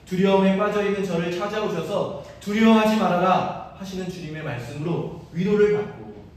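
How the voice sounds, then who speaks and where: A man's voice: high-pitched, fairly quick, darkish tone, far from the mic. A male priest giving an earnest, personal sermon in a church, with self-deprecating asides. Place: large church sanctuary. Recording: echoey church hall from afar.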